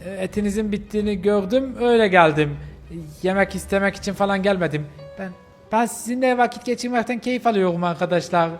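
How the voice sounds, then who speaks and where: A man's voice: sits high, fast, faint music behind, voice pushed up, close to an everyday voice. A man voicing a poor, timid stray dog who stammers and pleads in a game role-play. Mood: pleading.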